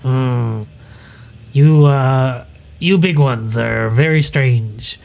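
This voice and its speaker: Brief: man doing a proud frog-man guard, plain, measured voice, tabletop game. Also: mid-range voice, gravelly, darkish tone. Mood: smug. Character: odd vain frog-man Bullywug guard.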